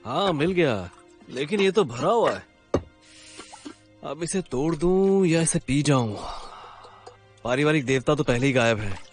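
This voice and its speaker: An actor playing a stern grim reaper who talks low and quiet, then shouts when pressed. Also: male voice, lively intonation, unhurried, long pauses, soft background music. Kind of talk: Hindi dub of a drama series.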